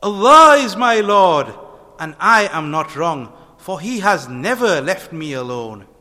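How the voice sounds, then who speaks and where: A man as an earnest, high, slow young prophet. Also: sing-song, a bit bright, full character voice. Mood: triumphant certainty. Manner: declaiming slowly in wonder. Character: earnest young male prophet marvelling at the heavens. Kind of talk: children's religious storytelling. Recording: long hall-like reverb on voice.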